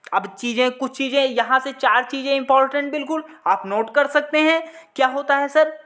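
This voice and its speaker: A woman with a fairly high voice teaches an exam-prep lesson. She keeps posing questions and answering them herself, drilling the same points over and over, and stretches syllables slowly when she spells out sounds. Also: fairly bright tone. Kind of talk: classroom lesson.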